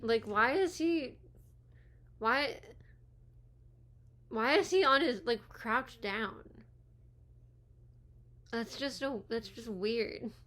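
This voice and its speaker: A woman in her twenties chats through a movie in a casual, giggly commentary and keeps going off on tangents. Her voice is bright and a little high. She is talking around new retainers. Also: drawn-out words, long pauses. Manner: chatty, giggly, goes off on tangents.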